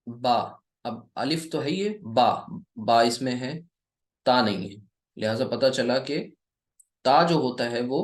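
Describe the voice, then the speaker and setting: A man teaches Arabic grammar, speaking slowly and deliberately at a middle pitch. He keeps asking the viewer questions and then answers them himself. The recording sounds echoey, as in a bare room. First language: Urdu or Hindi speaker teaching Arabic. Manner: deliberate, slow delivery with many repeated checks of "okay". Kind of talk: classroom-style lesson, explaining at a board.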